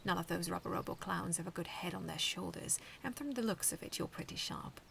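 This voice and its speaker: A woman voicing a sly, confiding masked male thief who speaks in a hushed whisper, in a fanfiction read aloud. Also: on the low side, a little fast, gravelly, distant mic, slight background noise.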